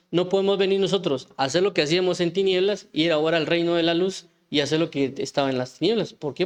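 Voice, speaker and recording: Man preaching, fairly high voice. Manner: conversational, many restarts and rhetorical questions. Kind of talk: informal sermon teaching.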